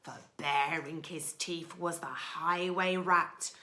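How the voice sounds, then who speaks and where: A woman's voice: sits low, fairly even intonation, slow pace, sharp tone. A woman teacher reading a storybook expressively to young children, adding simple little asides. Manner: simple, child-directed phrasing.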